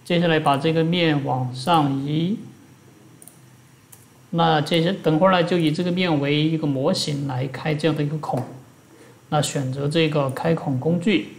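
A man's voice: a little high, fairly even intonation, moderate pace, creaky. A man teaching step by step over a screen recording, explaining each action plainly as he works at a computer. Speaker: instructor. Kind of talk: screen-recorded software tutorial.

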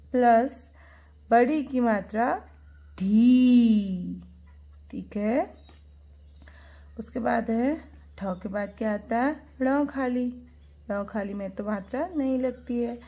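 A woman's voice: mid-range voice, mellow, rough recording. A woman teacher giving a lesson to young children, drawing out each syllable and repeating sounds for the class to copy. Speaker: kindergarten teacher.

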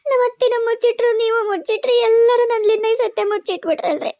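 A very high, thin woman's voice with a North Karnataka Kannada accent carries a whole cartoon cast by herself. She pleads and weeps her way through a family drama. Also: fast talker, a little mellow. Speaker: cartoon storyteller voicing all characters. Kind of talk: emotional cartoon voice acting.

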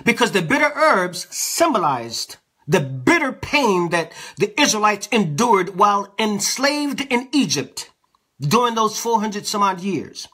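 A man's voice: sits high, very animated, a little slow, bright, forceful tone, breathy edge. A man teaching a sermon as an apostle, reading scripture and explaining it in a conversational way, often checking in with his listeners. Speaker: apostle, preacher.

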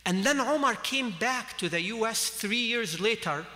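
Speaking at an unhurried pace with lively intonation, a man in his thirties from Egypt gives an earnest sermon, gesturing with both hands, at a standing lectern mic in a big mosque hall. His voice is high, bright and forceful, and long reverb fills the hall.

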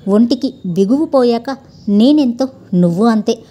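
A woman's voice: on the high side, animated, a little slow, warm tone. A woman voicing a scolding harsh old woman. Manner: nagging, harsh, scornful.

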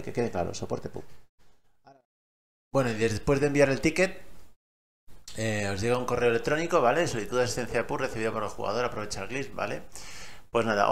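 Man, low gravelly voice, chatty gaming tutorial host. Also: slight background noise. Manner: chatty, keeps checking in with listeners. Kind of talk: casual screen-recorded tutorial.

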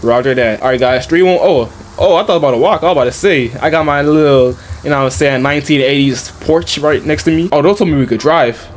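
A man giving casual let's-play commentary, talking in slang and reacting out loud to the game. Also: a little high, quick pace, few pauses, slight background noise. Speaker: gaming YouTuber.

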